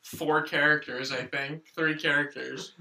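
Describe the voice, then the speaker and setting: A man's voice: on the high side, flat delivery, measured pace, gravelly, roomy sound, far from the mic, noisy background. A man hosting a casual comedic podcast chat, crude and swearing freely. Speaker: podcast host.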